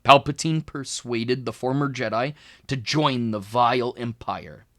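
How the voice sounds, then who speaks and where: A man with a medium-pitched voice reads a children's book aloud like a tutor. His narration is expressive and educational, with deliberate phrasing and stress on key words.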